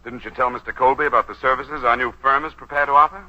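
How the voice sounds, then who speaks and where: A man with a natural, medium-pitched voice and fairly even intonation plays a slick, probing young lawyer who has become a schemer, brash and full of wisecracks. It's 1940s radio drama, wry and breezy, with fast-witted smooth talk on a dull-sounding broadcast recording.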